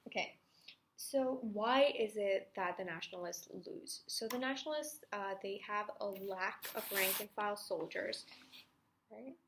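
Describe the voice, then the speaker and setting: A young woman with a mid-range, fairly bright voice goes through history revision notes a little slowly, with a slight hiss or hum in the background. It's a casual study video, chatty and self-mocking, with the occasional whisper.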